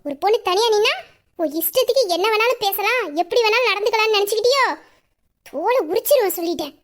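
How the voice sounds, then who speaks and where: Audio drama heroine: a shrill, sharp-tongued young woman, quick to scold, close to tears, voiced by a woman. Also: expressive. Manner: scolding, tearful pleading. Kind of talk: amateur Tamil audio drama.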